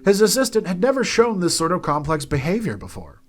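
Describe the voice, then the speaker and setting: A man reading a fantasy story aloud as narrator, in an expressive, soft-spoken way. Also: high-pitched, brisk, faint music behind. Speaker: narrator and game company host.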